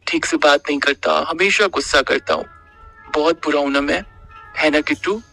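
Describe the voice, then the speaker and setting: Rudra as a soft, slow young husband, read by a man. Bright, clear tone over faint background music. Audio-story reading. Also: fairly high pitch, full character voice. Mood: tender.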